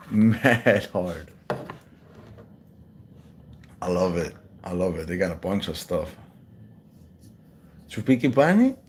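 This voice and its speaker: A man chatting casually in a slangy, rambling way, with many restarts, calling the listener bro and acting out the people he quotes in a higher voice. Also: measured pace, background noise. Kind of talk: casual chat.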